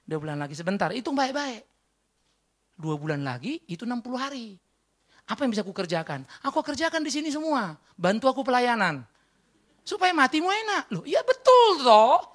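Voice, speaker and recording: Woman preacher, sermon, highish voice, super animated, lots of questions and exclamations. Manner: rhetorical questions to the congregation, quick exclamations; animated and emphatic, shifting between loud and hushed. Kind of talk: church sermon.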